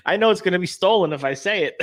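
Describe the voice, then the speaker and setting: A man hosting a casual live-stream talk show, animated and repeating himself as he restarts sentences. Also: high voice. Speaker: show host.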